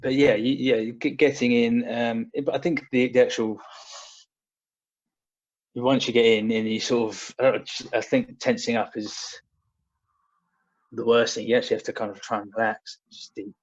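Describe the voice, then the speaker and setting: A young man, a personal trainer appearing as a podcast guest, tells a casual story in a mid-range voice with little pitch movement. He speaks at normal speed but pauses often, sounding hesitant with lots of fillers and restarts. The audio is dull and lo-fi.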